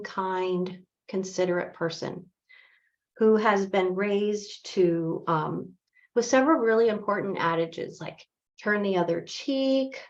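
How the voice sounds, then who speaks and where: A woman coach gently leading a guided visualization story, now and then acting out the characters' lines. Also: mid-range voice, muffled recording. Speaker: coach trainer.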